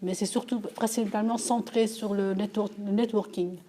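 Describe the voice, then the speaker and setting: Woman from Belgium, event organizer, interview, warm mellow voice, halting speech, many fillers. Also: mid-range voice, fairly even intonation. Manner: halting, with frequent fillers and repeated words. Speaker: event agency director. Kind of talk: interview answers.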